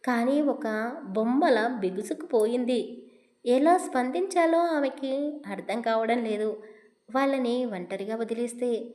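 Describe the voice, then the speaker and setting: A woman storyteller giving a scripted, expressive narration of a romance audio story. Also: a little high. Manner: expressive, melodramatic romance reading.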